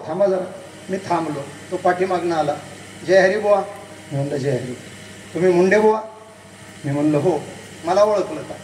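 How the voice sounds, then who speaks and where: A man delivering a devotional kirtan sermon, his high voice sounding from a distance across a big hall with a long reverb tail. He tells a story and acts out each side of the dialogue as he talks to the crowd. A faint hum of the gathering sits behind him. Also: a little mellow. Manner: acts out both sides of a dialogue, addresses the crowd directly. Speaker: kirtan preacher.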